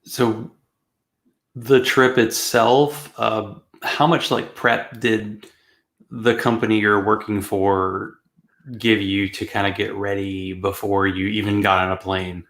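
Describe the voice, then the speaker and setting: A man's voice: on the low side, flat delivery, slow, fairly bright tone, reverberant. A middle-aged man hosting a casual interview over a video call from a small room at home. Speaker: podcast host.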